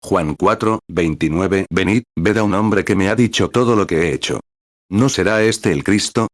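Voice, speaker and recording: Deep-voiced man reading a sermon. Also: no room sound, studio quality. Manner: measured, steady reading that cites chapter and verse. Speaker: sermon reader. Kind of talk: read-aloud sermon with scripture quotations.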